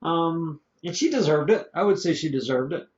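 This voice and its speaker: On a lo-fi podcast with dull sound, a man with a somewhat high, darkish voice talks casually about an old film at a moderate pace. As co-host he rambles, chuckles, and gets names mixed up.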